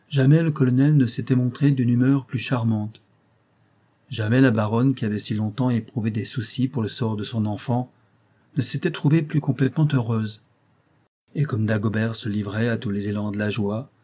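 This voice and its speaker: Guy reading an old story audiobook, husky low-key voice, steady. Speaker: narrator. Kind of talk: audiobook reading of a classic tale.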